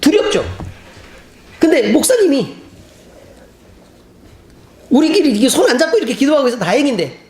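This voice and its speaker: Pastor, male, animated storytelling sermon. Expressive pitch, roomy church acoustics. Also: normal speed, long pauses. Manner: animated storytelling, acting out scenes. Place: church sanctuary. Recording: roomy church hall, faint noise.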